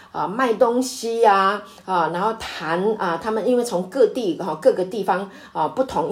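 A woman pastor leads a conversational Bible study in a mid-range, slightly mellow voice. She uses many drawn-out fillers and hesitations, then rises to emphatic exclamations.

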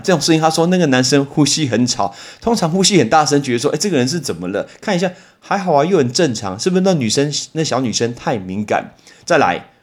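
A man with a Taiwanese Mandarin accent teaching vocabulary in a casual podcast lesson, telling lively stories and slowing down to repeat and spell English words. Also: mid-range voice. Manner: storytelling with lively exclamations.

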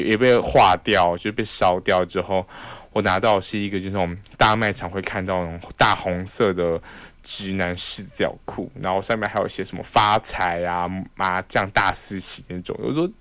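A man's voice: lowish voice, moderate pace, no echo. A young man with a Taiwanese Mandarin accent, casually telling a personal story on a podcast and acting out the voices he quotes. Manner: animated, acts out quoted voices. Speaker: podcast host.

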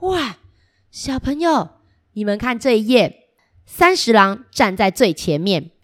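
A woman storyteller reading a picture book to small children in an animated way, coaxing them with questions. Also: on the high side, unhurried.

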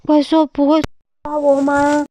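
A woman voicing a timid, easily scared storybook animal child, speaking slowly and hesitantly. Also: high voice, completely flat delivery, mellow, slight background noise, pitched above the performer's own voice.

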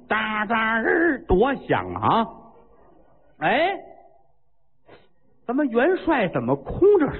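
A man voicing an old, fretful prime minister who talks in a drawn-out, exclaiming way. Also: high voice, slightly rough, long reverb tail, narrow, tinny audio, full character voice.

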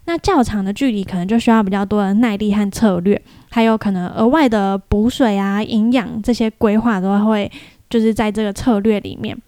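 Chatty young woman, mellow voice. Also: medium pitch, a little fast, clean tone, no echo. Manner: chatty, mimics other people's voices in quotes. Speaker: podcast host. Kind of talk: casual storytelling monologue.

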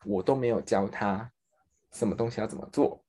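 A man's voice: a little fast, husky. A man with a Taiwanese Mandarin accent telling a work story in casual podcast chat, acting out the people he quotes. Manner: animated, acts out quoted people with big pitch jumps. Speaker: podcast co-host.

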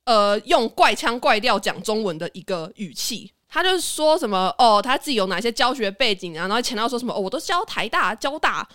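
Woman, Taiwanese Mandarin accent, young adult, podcast host, casual storytelling, fast, very lively pitch, dry close sound. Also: no echo. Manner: animated, chatty, quick to laugh.

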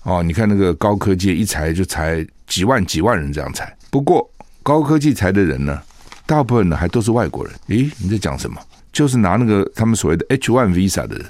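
A man's voice: deep voice, darkish tone, no echo. A man hosting a radio talk show, giving a chatty opinion monologue full of rhetorical asides and tag questions in a studio.

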